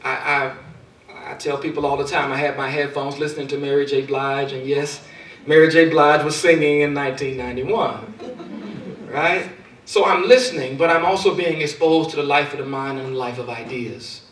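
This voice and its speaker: Male speaker, fairly high voice, motivational storytelling, roomy hall sound, mic at a distance. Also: moderate pace, slight background noise. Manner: storytelling with dramatic swings in loudness. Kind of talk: motivational speech. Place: large hall. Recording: echoey hall, far from mic.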